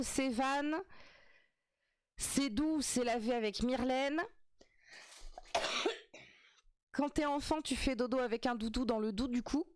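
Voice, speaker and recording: Chatty high-voiced woman streamer. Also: no echo, studio quality. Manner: chatty, swears, laughs often, jokes with chat. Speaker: streamer reacting to a TV game show. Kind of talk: casual live-stream chat.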